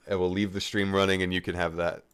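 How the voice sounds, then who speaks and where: A man calls a drone race live in a low, deep voice. His tone is smooth and clear. He chats and jokes casually with the pilots between heats. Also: little pitch movement, fast talker, a bit bright. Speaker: race commentator.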